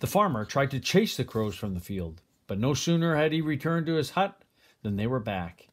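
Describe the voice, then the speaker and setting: This is a storybook read-aloud by an older man, grandfatherly in manner, working through a kids' picture book. His voice sits in the mid range, and he shapes each line with careful, expressive pacing.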